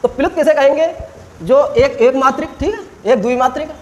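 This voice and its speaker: A man's voice: extremely high pitch, fairly quick, a little hiss or hum, rough recording. A man teaching a classroom grammar lesson, quizzing students with short questions and stretching vowels out to demonstrate.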